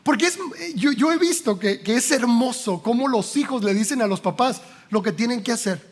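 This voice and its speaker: Mexican pastor guy, really high voice, lively sermon, keeps asking the crowd stuff. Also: normal speed. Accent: Mexican Spanish. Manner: lively preaching, acts out quotes with playful voices and rhetorical questions.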